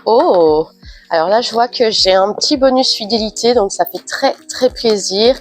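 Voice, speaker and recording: A woman with a head cold talks through an unboxing in a relaxed, chatty way, her voice stuffy and nasal. She stops often with hesitant fillers, her pitch sits in the middle, and soft music plays faintly behind her. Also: normal speed. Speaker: unboxing vlogger. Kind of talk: casual unboxing chat.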